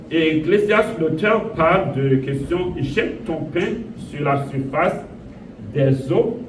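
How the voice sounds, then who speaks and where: Slow, echoey sermon from a man. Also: fairly high pitch. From Haiti. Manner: slow, repetitive preaching with emphatic rises. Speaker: pastor. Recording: echoey room, voice from a distance, audible noise.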